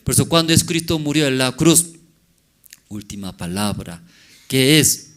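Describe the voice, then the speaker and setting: A man preaching a sermon as pastor, in halting non-native Spanish with broken grammar, often asking the congregation questions. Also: medium pitch, expressive, fairly bright tone. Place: church service.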